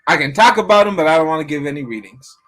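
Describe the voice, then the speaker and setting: A man's voice: on the high side, rapid-fire, a bit bright, low-quality recording. A man giving a casual, rambling live-stream reading, talking to his viewers by name. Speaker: online rune reader.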